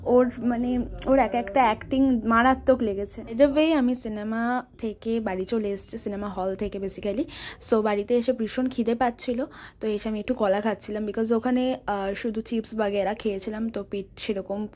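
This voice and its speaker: A woman's voice: fairly high pitch, steady tone, moderate pace, darkish tone. A young woman vlogging in a casual, chatty way, mixing English phrases into her talk. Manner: chatty, mixes English into speech. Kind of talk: casual vlog chat.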